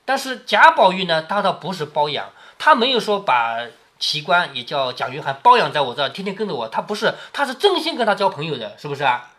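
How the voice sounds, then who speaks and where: A man reads a classic novel to his daughter, stopping often to explain it in a casual, chatty way. His voice is bright and animated, with a wide pitch range. He keeps checking in with his listener as he goes. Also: quick pace, hardly any pauses. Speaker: father reading to his daughter. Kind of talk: storytelling reading with commentary.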